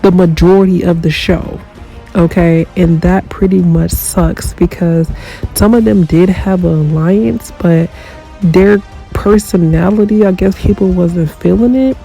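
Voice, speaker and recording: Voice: medium pitch, fairly even intonation, measured pace, vocal fry, mellow, faint music behind, rough recording. A chatty reviewer who is congested from a cold, rambling casually through a show review with plenty of fillers. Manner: rambling, conversational, lots of fillers.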